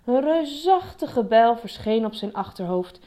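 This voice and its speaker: Woman, storybook narrator, unhurried and measured, fairly high voice. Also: animated, mellow. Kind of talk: storybook reading aloud.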